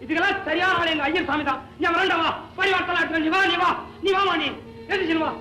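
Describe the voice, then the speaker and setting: An actor playing a chatty, teasing working-class man in a 1960s film comedy, scolding and joking in quick comic patter. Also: very high-pitched, fairly even intonation, sharp tone, reverberant, exaggerated voice, low-quality recording. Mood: chiding kind. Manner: joking, scolding, fast-talking.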